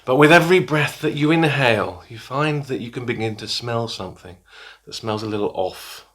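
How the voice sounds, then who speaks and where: A man's voice: medium pitch, brisk, fairly bright tone. A man leading a hypnosis demonstration, guiding breathing and playful smell suggestions with laughing asides. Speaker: hypnotist instructor.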